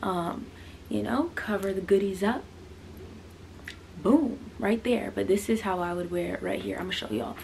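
A woman's voice: medium pitch, expressive, normal speed, vocal fry, background noise. A twenty-year-old woman rambling casually through a clothing try-on haul, full of fillers and asides, filmed in a small bedroom. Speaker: fashion vlogger. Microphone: camera on a stand, mid-distance.

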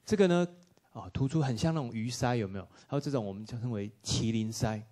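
Man, public talk, storytelling, mellow warm voice, animated, acts out dialogue. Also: medium pitch, fast. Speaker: speaker at a film workshop.

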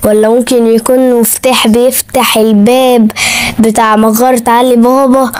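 A plucky cartoon lion cub as a woman puts it on bursts out with excited questions and exclamations. The voice is high-pitched, and the lines tumble out in quick succession. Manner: excited, rapid-fire exclamations. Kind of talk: children's cartoon storytelling.

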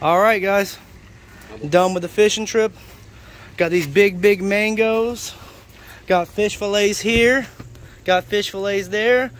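Man, high voice, hyped fishing commentary, noisy outdoor action camera audio. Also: steady tone, takes it slowly, long pauses. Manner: hyped, repeats phrases, calls everyone baby. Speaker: vlogger filming his fishing trip. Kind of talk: excited casual commentary. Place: outdoors on a fishing boat at sea. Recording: outdoor camera audio with loud wind and engine noise.

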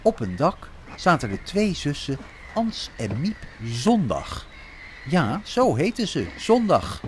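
Slow expressive male storyteller. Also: on the high side, a little hiss or hum. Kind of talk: scripted children's story narration.

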